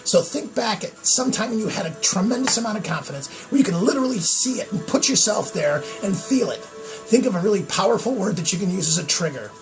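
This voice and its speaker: A man's voice: high voice, expressive, fast talker, over music. A man from New York telling a personal story to camera on his vlog, earnest and emphatic. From New York, USA. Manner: earnest, emphatic, repeats "I'll tell you". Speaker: vlog host.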